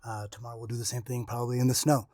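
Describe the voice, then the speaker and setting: Talking rapid-fire in a flat, mid-range, slightly mellow voice, a man dresses indoors at home and shows his cycling rain gear to the camera. His vlog narration is jokey and slangy, coming in short bursts full of catchphrases and exclamations.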